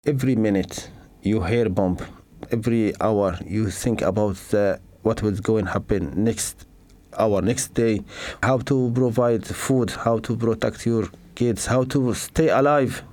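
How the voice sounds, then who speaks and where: A middle-aged Syrian man speaks in a fairly low voice, recorded dry and close. His English is halting and non-native, broken by fillers and restarts as he recounts his story. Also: a little mellow, dry recording. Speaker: interviewee, father. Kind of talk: personal testimony.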